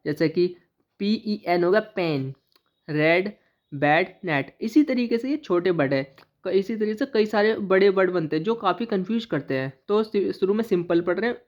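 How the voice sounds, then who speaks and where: A woman teaching an English pronunciation lesson who spells out letters and then says each word slowly and deliberately. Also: fairly low pitch. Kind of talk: classroom-style lesson explaining pronunciation. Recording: slightly dull, lo-fi recording.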